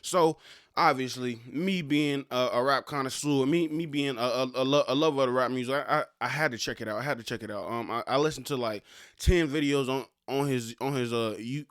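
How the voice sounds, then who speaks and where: A man's voice: mid-range voice, fairly bright tone, no echo. Stammering casual man, dry close sound. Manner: stammering, loose slangy rap-fan talk. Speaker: podcast host. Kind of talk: casual solo podcast monologue.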